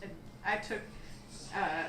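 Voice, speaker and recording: A woman's voice: medium pitch, slow pace, reverberant, far from the mic, music in the background. A woman player chatting casually and giggly during a tabletop game.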